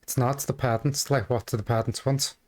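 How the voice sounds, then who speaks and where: A man giving casual, off-the-cuff commentary as a reaction video host, halting and rambling as he goes. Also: mid-range voice, fairly even intonation, a little mellow. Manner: hesitant, halting, rambling delivery.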